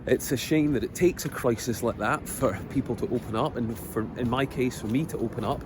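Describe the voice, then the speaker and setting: A middle-aged man with a Scottish accent reflects on his life out loud, halting and earnest, filling his pauses with ums. He records outdoors near the sea, with clear noise from vehicles and the street around him. His voice sits at an ordinary male pitch. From Scotland. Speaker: vlogger. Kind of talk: reflective personal monologue. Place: outdoors on a coast. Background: outdoor noise, passing vehicles.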